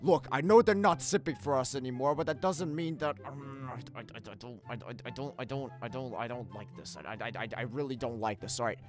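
A man's voice: medium pitch, a little fast, hardly any pauses, close to an everyday voice. A man voicing a grumpy, easily panicked cartoon hedgehog antihero, ranting in exasperation and stammering when nervous. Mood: nervous, flustered. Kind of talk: comic dub voice acting. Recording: music playing behind the voice.

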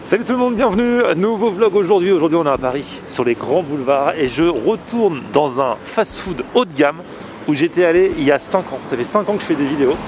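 Man vlogging to a handheld camera, fast, slightly high voice, music underneath. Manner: upbeat, animated presenter. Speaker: food vlogger host. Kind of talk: casual vlog chat. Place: street, then small restaurant. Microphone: handheld camera at arm's length.

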